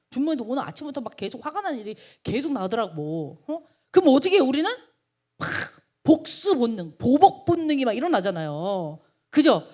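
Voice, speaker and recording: A woman pastor delivers a sermon in a high, bright voice that swings widely up and down. She preaches emphatically and keeps tossing rhetorical questions at her listeners. Her delivery surges suddenly as she presses each point home. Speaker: pastor of a college ministry.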